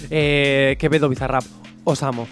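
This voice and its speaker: A man hosting a morning radio show, chatting casually with guests in an excitable, gushing way and laughing often. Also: medium pitch, normal speed, over music.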